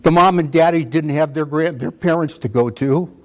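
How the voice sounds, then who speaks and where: A man's voice: fairly high pitch, moderate pace. Man in his eighties, a veteran addressing a school, passionate and pleading, hammers points home by repetition. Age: 80s. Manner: impassioned, pleading, repeats phrases for emphasis. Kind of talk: emotional talk to students.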